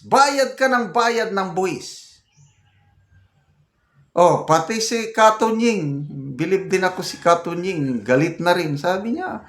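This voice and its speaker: A man's voice: high-pitched, a bit bright. An older Filipino man, a retired general, giving casual political commentary, reading comments aloud and growing indignant. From Philippines. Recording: roomy echo.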